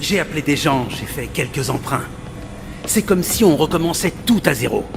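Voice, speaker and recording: A man playing an ambitious, embittered middle-aged scientist in a French video game dub, gravelly, intense and volatile. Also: fairly high pitch, lively intonation, normal speed, background noise. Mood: brooding, determined.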